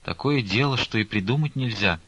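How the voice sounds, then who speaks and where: A man's voice: on the low side, lively intonation, fairly quick, fairly bright tone, slightly rough, no echo. A man voicing a humble, anxious old nun who speaks meekly and laments, on a dull lo-fi recording. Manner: meek, fussy and lamenting.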